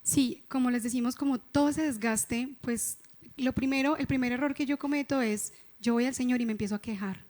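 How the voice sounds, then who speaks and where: A woman's voice: on the high side, brisk, a little mellow. A woman, earnestly giving a confessional church testimony about her marriage, with a preaching tone. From Colombia. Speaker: wife sharing a testimony.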